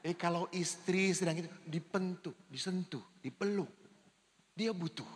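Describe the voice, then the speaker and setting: Man, priest, jokey seminar talk, high voice, echoing hall. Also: moderate pace. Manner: lively, jokey, acts out spouses' lines. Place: church hall. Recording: long reverb of a large hall.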